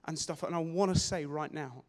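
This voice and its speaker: A young man preaching a sermon on a church stage with a handheld mic, energetic and gesturing, often repeating words as he restarts phrases. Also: on the high side, normal speed. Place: church stage in a large hall. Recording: long hall reverb.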